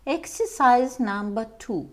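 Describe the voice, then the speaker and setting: A woman reading a homework lesson aloud for young children, slowly and carefully, as their English teacher. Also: fairly high pitch, expressive.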